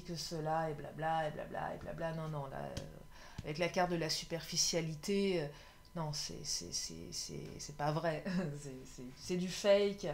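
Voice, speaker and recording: A woman's voice: deep voice, gravelly. A woman doing a casual love tarot reading, chatty and often laughing, sometimes tripping over her words. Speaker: tarot card reader.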